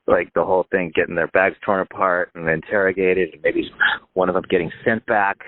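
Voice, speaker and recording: A man's voice: deep voice, steady tone, fairly quick, dry recording. Man in his fifties on a tinny phone line. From Northern California. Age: 50s. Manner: rambling, lots of "like" and restarts. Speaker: guest musician. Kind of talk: casual phone interview.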